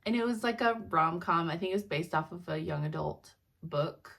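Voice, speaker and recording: A woman's voice: on the low side, moderate pace, vocal fry, fairly bright tone. A young woman in casual, rambling chat as a cross-stitch vlogger at home, sounding sleepy and laughing often.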